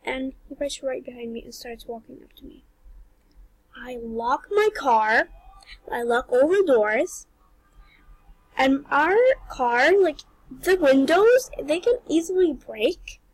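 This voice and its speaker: A young woman tells a storytime on her vlog, chatty and dramatic, filling her sentences with "like". Her voice sits high, and the recording is dry and close. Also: lively intonation, slow, long pauses, no echo, rough recording. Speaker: vlogger.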